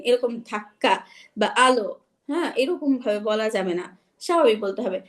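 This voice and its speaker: A young woman teaching Quran recitation rules in an online class, patient and repetitive, checking that her students follow; she is unwell. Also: fairly high pitch. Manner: patient, repeats rules slowly, checks understanding.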